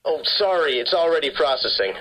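A man's voice: a little high, expressive, fairly quick, a loud crowd. Garbled man on a breaking-up phone line. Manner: scripted, repetitive sales-call delivery. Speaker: prank caller posing as phone company.

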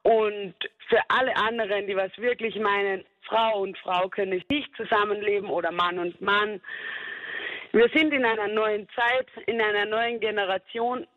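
A man's voice: high-pitched, steady tone, moderate pace, no room sound. A man calling in to a radio show, emphatic and encouraging. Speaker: caller. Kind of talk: radio call-in statement. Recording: tinny phone line.

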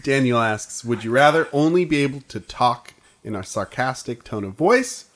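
A man hosting a casual comedy podcast who reads out listener questions and teases his co-hosts. His pitch leaps up and down as he talks, over a faint background noise. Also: expressive, moderate pace. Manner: teasing, questioning. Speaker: podcast host.

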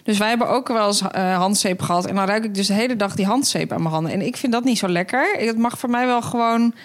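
A woman co-hosting a parenting podcast in casual chat, relaxed and easy to laugh. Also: medium pitch, quick pace. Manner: relaxed, talks about her own preferences, laughs easily. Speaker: podcast co-host.

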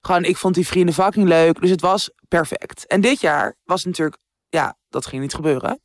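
A woman's voice: lowish voice, moderate pace, no room sound, clean studio sound. A woman in her thirties co-hosting a podcast, telling stories with slang and frequent laughter. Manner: giggly, slangy, lively storyteller. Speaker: podcast co-host. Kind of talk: casual chat.

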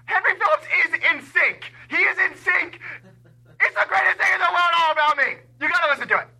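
A man leaving a giddy voicemail over a landline phone, laughing and shouting with excitement. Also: very high-pitched, a little fast, vocal fry. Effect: voicemail heard over a landline phone. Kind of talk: casual phone message.

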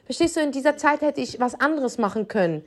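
High-voiced, animated woman telling stories. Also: quick pace. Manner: animated, crude street slang, acts out quotes. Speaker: podcast co-host. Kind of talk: lively storytelling chat.

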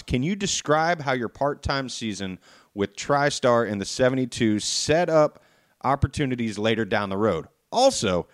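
A man with a fairly low voice co-hosts a podcast and reads fan questions aloud. He is playful and upbeat and drops in quick asides. The sound is dry and close. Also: dry recording. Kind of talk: casual podcast chat.

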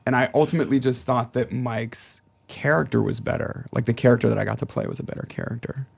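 Husky, gravelly actor in his forties, swapping stories in easy conversation. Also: mid-range voice, fast. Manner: animated storyteller, acts out quotes. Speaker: actor guest. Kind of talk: casual podcast chat.

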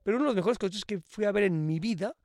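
A Mexican man in loose podcast banter, his speech quick and his voice a little high. He jumps in often and leans on crude jokes. The close mic picks up no room at all. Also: a little mellow, no echo. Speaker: podcast co-host. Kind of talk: casual banter.

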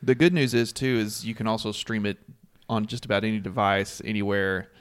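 A man with a fairly low voice co-hosts a casual sports podcast. He is easygoing and conversational. The sound is dry and close. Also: fairly even intonation, brisk, clean tone, no echo. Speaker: podcast co-host.

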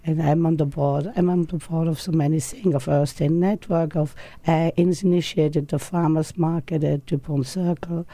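A woman's voice: low voice, steady tone, normal speed, few pauses, dark tone, no room sound. A woman, talking as an interview guest in a rambling way, full of fillers and restarts. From Austria. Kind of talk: casual interview conversation.

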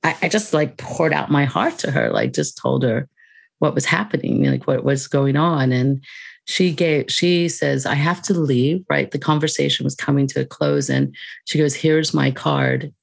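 An interview guest telling a personal story in a casual, reflective way, with many fillers and soft laughs. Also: medium pitch, big pitch swings, moderate pace, creaky.

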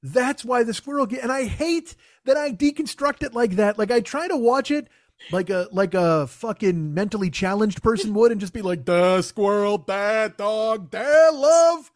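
A man with a high-pitched voice holds forth on a comedy podcast, sarcastic and foul-mouthed. He slips into mocking impressions of the people he is ridiculing. The sound is dry and close. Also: normal speed, dry recording. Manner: sarcastic, profane, mocks people in put-on voices. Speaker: podcast host.

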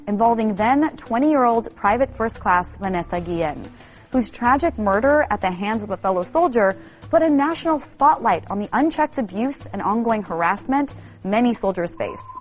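Serious woman narrating a documentary. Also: fairly high pitch.

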